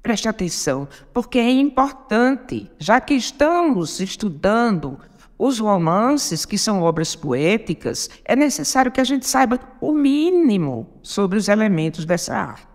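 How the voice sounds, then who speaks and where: Woman, podcast lesson, deliberate, patient, counts syllables aloud, reverberant hall sound. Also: medium pitch, big pitch swings, darkish tone. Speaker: podcast host teaching poetry. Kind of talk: slow spoken lesson.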